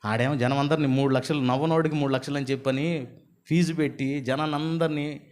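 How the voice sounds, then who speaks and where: A man's voice: medium pitch, fairly even intonation, brisk, darkish tone, close to an everyday voice. Preacher doing a restless fed-up guy whining to the doctor, rambling on and on. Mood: confiding. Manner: plaintive, rambling, tumbling complaints. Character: weary, restless man complaining to a doctor.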